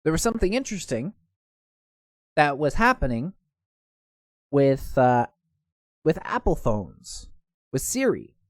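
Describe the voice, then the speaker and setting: A man's voice: a little high, sing-song, a little slow, pauses often, dry recording, studio quality. A man hosting casual online news commentary, reading posts aloud and stumbling now and then. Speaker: host.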